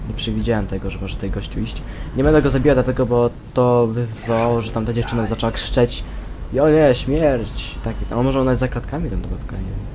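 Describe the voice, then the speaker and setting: A young gamer rambles casually to himself while playing a stealth game, swearing and now and then erupting into loud shouts. His voice is mid-range and quick, with background noise in the recording.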